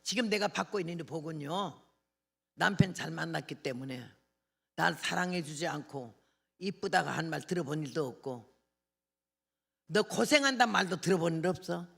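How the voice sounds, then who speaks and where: A woman's voice: low-pitched, lively intonation, normal speed, vocal fry, long pauses, breathy edge. An older woman preaching at a revival meeting, telling folksy anecdotes and acting out dialogue. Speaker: missionary preacher.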